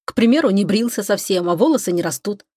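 A woman voicing a gruff male starship captain who grumbles and fumbles for words. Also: mid-range voice, lively intonation, fast, dark tone, no echo, clean studio sound, natural voice. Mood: grumbling.

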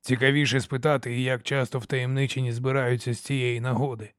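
Male audiobook narrator, mid-pitched, steady first-person telling, dry studio sound. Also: brisk, no echo. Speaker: audiobook reader.

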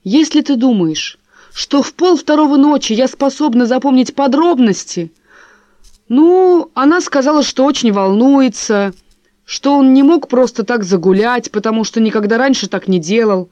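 A woman voicing a sharp-tongued wife who speaks forcefully and cuttingly. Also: high voice, expressive, moderate pace, dry recording, muffled recording, pitched above the performer's own voice. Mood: indignant. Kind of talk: audiobook character voice.

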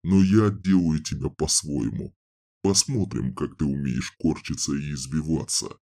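A cruel bandit leader snarls his threats in a very deep, low growl, as a male audiobook reader puts him on. His voice sits far beneath normal speech and stays slow and menacing. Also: creaky, dark tone, full character voice. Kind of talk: audiobook character voice.

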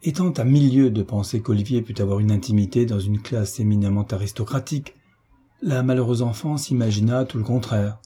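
Husky low male narrator for a classic novel, measured and expressive. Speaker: audiobook narrator. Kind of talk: novel read aloud.

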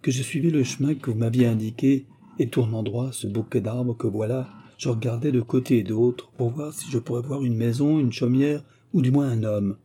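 A talkative, excitable valet spins out his story in endless detail, as a man reads him aloud. The voice is dark and husky, the delivery rambling and eager, straight from a storybook reading. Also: mid-range voice, moderate pace, natural voice. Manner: long-winded, excitable storytelling. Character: chatty rambling male servant, a bruised valet. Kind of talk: audiobook character reading.

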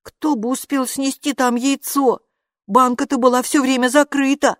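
A woman's voice: high voice, fairly even intonation, normal speed, dry recording, clean studio sound, voice pushed up, natural voice. A woman voicing a frightened, anxious little boy in an audiobook, worried and protesting. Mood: scared. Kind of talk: audiobook character voice.

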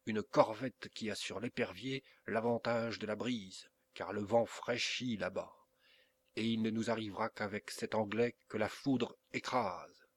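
A man reading an audiobook, voicing a hot-tempered male pirate captain who barks orders in a loud, gruff, commanding way. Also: lowish voice, fairly even intonation, unhurried. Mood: furious.

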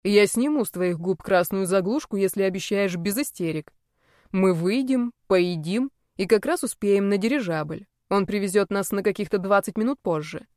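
Woman voicing a self-assured young nobleman, calm, teasing, lazily amused, mid-pitched, dry close sound, audiobook character. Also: normal speed, no room sound, lightly acted. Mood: coaxing.

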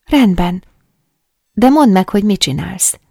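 A woman voicing a gentle, wise little boy who talks softly and patiently, in an audiobook. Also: mid-range voice, animated, gravelly, no echo, studio quality, voice pushed up. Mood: curious. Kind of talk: audiobook character voice.

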